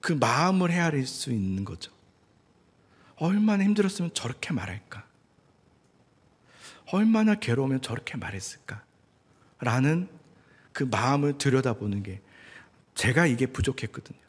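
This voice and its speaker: Male pastor, husky and lively, preaching in a church with a long hall echo. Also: mid-range voice, moderate pace, pauses often. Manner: animated, acts out quoted speech. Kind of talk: sermon. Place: church sanctuary.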